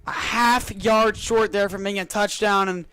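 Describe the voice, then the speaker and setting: A man's voice: sits high, fairly even intonation, measured pace, pushed and bright, clear, resonant tone, no echo. A man working as a color commentator on live football, enthusiastic and emphatic, repeating his phrases for punch.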